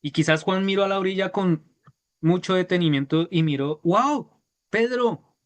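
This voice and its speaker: A man preaching a sermon, retelling a Bible story with lively, acted-out voices for the characters. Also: sits high, a little fast.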